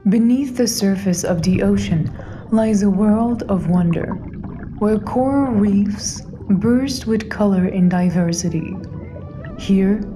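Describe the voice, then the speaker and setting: A woman reading scripted nature documentary narration in a measured, reverent manner. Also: medium pitch.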